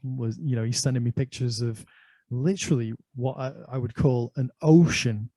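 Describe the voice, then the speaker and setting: A man's voice: mid-range voice, steady tone, moderate pace, mellow, dry recording. An Irish man hosting a casual conversation, chatty and anecdotal, telling stories from his life. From Ireland. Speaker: host.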